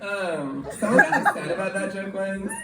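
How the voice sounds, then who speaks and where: A woman's voice: medium pitch, moderate pace, heavy background noise. Self-mocking woman comic in an echoey club. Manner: deadpan, self-mocking, laughs at own lines. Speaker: stand-up comedian. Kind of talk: stand-up comedy set. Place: live comedy venue. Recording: echoey live room, distant mic, loud crowd.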